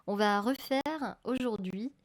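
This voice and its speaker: A woman's voice: medium pitch, slow. Woman rambling to her stream chat, crackly mic, keeps restarting her sentences. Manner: chatty, self-correcting, talks to chat viewers. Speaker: film photography streamer. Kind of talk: casual live-stream chat. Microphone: desk microphone. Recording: slightly crackling live-stream audio.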